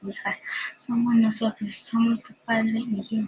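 Soft and hushed, this is a tender ghostly mother speaking down from heaven in a spoken storytelling piece, as a woman puts her on. The voice sits a little high and is kept quiet and close. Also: flat delivery, a little slow, husky, poor audio.

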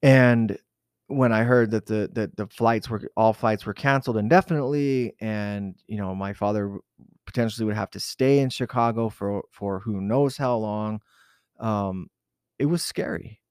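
A man's voice: fairly low pitch, normal speed, darkish tone, clear, resonant tone, dry recording, clean studio sound. A man from southern Arizona recalling a personal memory in an unscripted interview, hesitant and reflective, with many fillers and restarts. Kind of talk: unscripted oral-history recollection.

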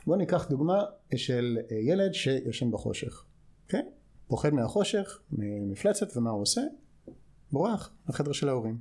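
A man's voice: medium pitch, very animated, a little mellow. American-accented man explaining in an interview. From United States. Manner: didactic, checks in with short tag questions. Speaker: guest clinical psychologist.

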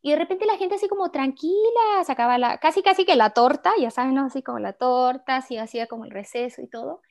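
A woman, the guest of an interview, telling a work story in an animated, chatty way full of little fillers. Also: high voice, fast talker. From Chile. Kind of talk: conversational storytelling.

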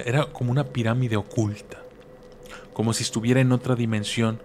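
A man's voice: mid-range voice, fairly bright tone, slight background noise. A man telling a folk legend casually, with slang asides and repeated words. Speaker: storyteller. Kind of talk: casual oral storytelling.

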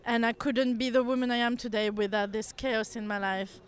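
A woman's voice: a little high, fairly even intonation, brisk, a little hiss or hum. A woman answering questions in a street interview outdoors in a city. She talks thoughtfully and sometimes searches for words.

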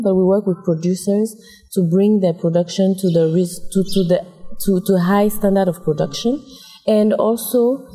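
A woman gives measured interview answers, pausing as she goes. Her voice is slightly low and very soft-edged, recorded in a reverberant hall with faint music. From Togo, raised in Africa and Europe. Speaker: interviewed brand co-founder. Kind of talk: conference interview. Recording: echoey hall, music behind.

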